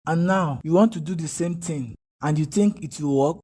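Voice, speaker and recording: A man's voice: on the high side, moderate pace, warm tone, slightly rough. A man with a Nigerian accent voicing a stern father scolding his son in a cartoon.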